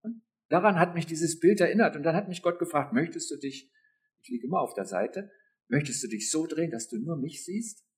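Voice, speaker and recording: A man preaching a sermon in a lively, intimate way, speaking straight to his listeners. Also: on the high side, fairly quick.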